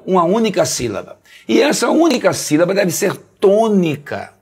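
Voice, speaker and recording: A Brazilian man teaches a grammar lesson in a somewhat husky, slightly high voice. His pitch swings widely in a melodic, sing-song way. He slows down on key syllables and keeps asking whether the class follows. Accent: Brazilian Portuguese. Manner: didactic, keeps asking "tá certo?". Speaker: Portuguese teacher.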